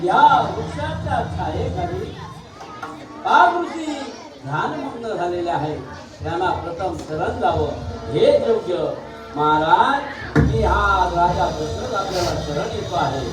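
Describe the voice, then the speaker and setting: A man playing a humble, earnest childless king in folk theatre, pleading in drawn-out, sing-song oratory. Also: high-pitched, lively intonation. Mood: reverent. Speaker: stage performer in a devotional mythological puppet play. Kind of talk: declamatory traditional folk theatre. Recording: very echoey hall, far mic, music and crowd.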